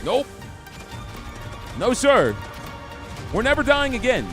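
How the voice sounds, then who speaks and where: Excitable man streaming a game. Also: very high voice, slow pace, over music. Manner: excitable, jokey trash talk. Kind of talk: live gameplay commentary.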